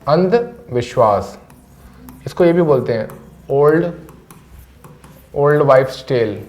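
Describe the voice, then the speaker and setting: Facing the camera in front of a classroom board, a man with a Hindi accent teaches English vocabulary, repeating every word several times. His voice is mid-range and darkish, and he speaks a little slowly.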